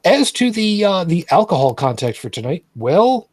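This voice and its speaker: Husky, dry-sounding male host. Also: high voice, sing-song, moderate pace, no echo. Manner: rambling, filler-heavy, repeats and restarts phrases; sarcastic. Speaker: main host. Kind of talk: casual live vlogcast chat.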